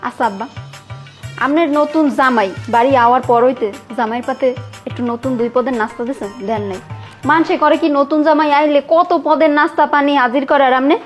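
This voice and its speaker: A woman's voice: high voice, fairly quick, faint music behind, close to an everyday voice. A woman playing a scolding young wife. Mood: reproachful. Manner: scolding, argumentative. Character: young wife, scolding, defends then confronts her father. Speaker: young wife, daughter of the house. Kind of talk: village comedy drama acting.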